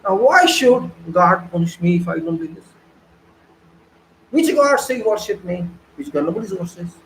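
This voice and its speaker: A man with a high-set voice lectures on engineering in an online class. He preaches more than he explains, firing off rhetorical questions and repeating key phrases for emphasis. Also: animated, moderate pace, roomy sound, slight background noise, low-quality recording.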